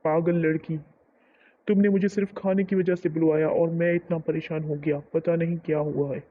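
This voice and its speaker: Man reading a protective, impatient husband: brisk, plain, fairly high voice, dull lo-fi audio. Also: level tone, lightly acted. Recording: muffled lo-fi recording.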